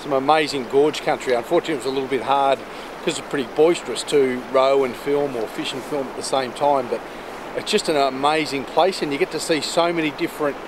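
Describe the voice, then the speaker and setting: A man's voice: medium pitch, steady tone. A man giving casual, hesitant vlog narration as host of an outdoor fishing trip, out on a river. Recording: clear outdoor river noise. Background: rushing water and boat sounds.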